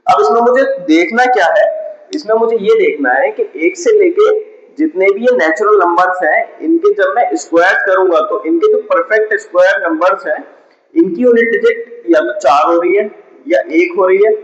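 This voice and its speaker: A man's voice: high voice, brisk. A man teaching a math lesson step by step, often asking his students a question and answering it himself. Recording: echoey room, dull lo-fi sound.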